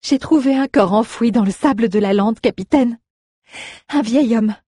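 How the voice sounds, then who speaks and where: A woman's voice: a little high, normal speed, mellow, slightly rough, no room sound, clean studio sound, voice pushed up. A woman voicing a young girl who is a scrappy street thief, urgent and pleading.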